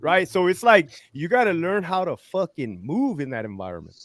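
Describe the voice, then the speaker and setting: Profane, animated man, fairly high voice. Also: moderate pace, no echo. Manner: profane, animated, acts out quoted lines. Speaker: retired corrections lieutenant, podcast guest. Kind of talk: casual storytelling interview.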